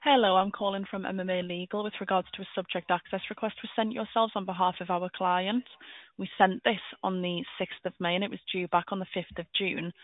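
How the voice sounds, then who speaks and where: Male caller from a law firm leaving a voicemail; high, even tone, phone-line sound, businesslike. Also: no room sound. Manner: polite, businesslike, repeats phone number slowly.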